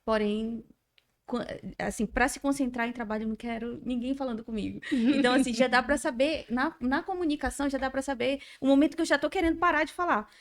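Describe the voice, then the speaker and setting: A woman co-hosting a podcast, talking casually in a halting way with frequent restarts. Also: high voice. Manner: hesitant, halting, many restarts. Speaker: podcast co-host.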